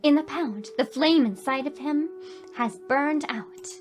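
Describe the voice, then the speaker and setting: Over gameplay backed by soft game music, a woman with a high-sitting voice reads the story aloud expressively, speaking a little slowly. She hosts the gaming video and chimes in with emotional, reactive commentary.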